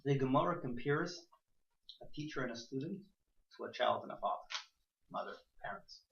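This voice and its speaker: A man teaches an interactive class to a few students in an indoor room, posing rhetorical questions and repeating and rephrasing what he says. His mid-range voice is creaky and animated, at a moderate pace. The room is echoey, and the sound is dull and muffled.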